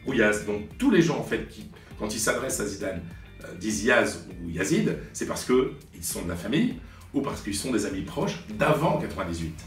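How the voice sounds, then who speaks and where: A deep-voiced man in his late forties tells his stories slowly and hesitantly, full of pauses and restarts. He sounds a little distant from the mic in a roomy space, with faint music underneath. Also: sing-song. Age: 40s. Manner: hesitant, many fillers and restarts. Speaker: sports journalist. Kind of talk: reflective storytelling to camera.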